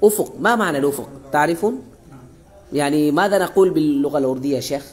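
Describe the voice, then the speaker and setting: A man from Bangladesh, a visiting sheikh urging students in a classroom lecture, quizzing them with repeated questions and halting often to restart. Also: fairly high pitch, lively intonation. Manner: halting, many pauses and restarts.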